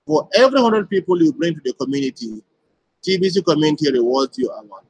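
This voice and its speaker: A man's voice: on the high side, very animated, quick pace, a little mellow, husky, rough recording. A man giving a live broadcast to his community, explaining things step by step and often asking "why?" before answering it himself. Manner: repetitive rhetorical questions answered at once.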